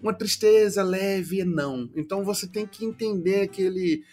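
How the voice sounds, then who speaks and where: A man's voice: high voice, moderate pace, faint music behind. A man, a comedian guest, chatting casually and playfully acting out ways of speaking. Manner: animated, jokey, demonstrates intonation. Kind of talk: casual chat.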